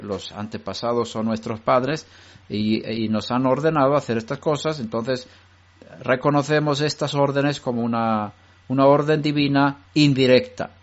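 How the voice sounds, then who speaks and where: A man giving an unscripted religious lesson to a study group, explaining step by step in a measured way and often restarting his sentences. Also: mid-range voice. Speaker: Bible study teacher. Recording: dull lo-fi recording.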